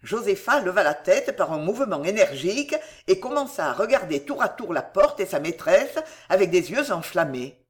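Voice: medium pitch, very animated, moderate pace. A narrator giving a dramatic, emotive reading of a storybook. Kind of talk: expressive audiobook narration.

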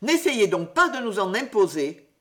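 A woman's voice: mid-range voice, very animated, moderate pace, close to an everyday voice. A woman doing a stern, harsh schoolmaster. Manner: harsh, commanding. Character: stern strict male schoolmaster.

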